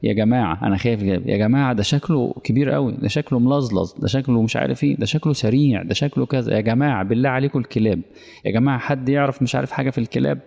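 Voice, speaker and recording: A male preacher with an Egyptian Arabic accent voicing a panicky man who frets online about a stray dog, in a gravelly, whiny voice. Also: medium pitch, racing, warm tone, long reverb tail, voice pushed up. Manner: whiny, fussing, piling up worries.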